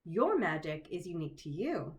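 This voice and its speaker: Reading aloud and guiding a relaxed meditation, this oracle card reader and storyteller cracks jokes between passages and laughs at her own asides. Her fairly low voice swings widely in pitch, and she keeps a moderate pace.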